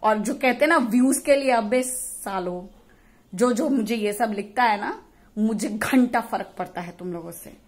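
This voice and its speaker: A woman vlogger rants with fury and force, hurling insults at her critics. Her voice sits a little higher than most. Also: moderate pace. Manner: mixes English phrases into Hindi. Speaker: YouTuber. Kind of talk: impassioned vlog rant.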